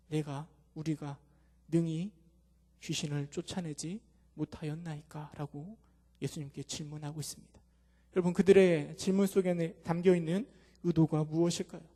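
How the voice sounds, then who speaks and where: A man with a high, mellow voice preaches to his congregation. He pushes some phrases out with a sudden surge and drops others almost to a murmur. The sound rings with the long reverb of a church sanctuary. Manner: preaching with sudden rises in loudness and quick acted quotes. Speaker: pastor. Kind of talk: sermon.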